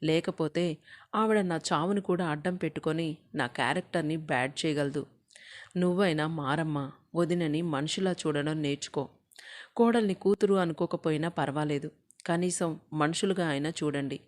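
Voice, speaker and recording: Woman reading out a tired young wife's sad letter, low voice, pleading. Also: normal speed, natural voice. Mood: sorrowful, pleading. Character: young wife, weary and desperate, writing a farewell letter.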